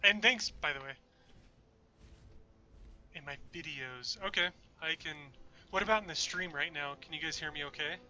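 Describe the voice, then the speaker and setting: Playing a game on stream from a room at home, this young man talks casually to chat and rambles about his moves. He speaks at a moderate pace with frequent pauses, his voice sitting on the high side, bright and forceful, picked up by a desk microphone.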